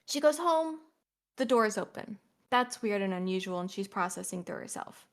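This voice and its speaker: A woman co-hosting a podcast in casual chat, asking questions and telling lively anecdotes. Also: mid-range voice, normal speed. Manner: animated, questioning, tells funny anecdotes. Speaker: podcast co-host.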